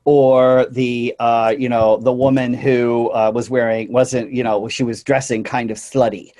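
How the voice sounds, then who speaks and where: A man giving an earnest conference talk about his slides, often pausing on "uh" and "you know" and briefly slipping into high mocking voices for quotes. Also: flat delivery, mellow. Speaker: conference presenter.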